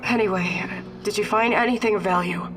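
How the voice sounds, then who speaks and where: A woman's voice: medium pitch, fairly quick, close to an everyday voice. An actress playing a grieving, plain-spoken and skeptical woman fighter in a video game, with music behind her. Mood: guarded, curious. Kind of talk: video game dialogue acting.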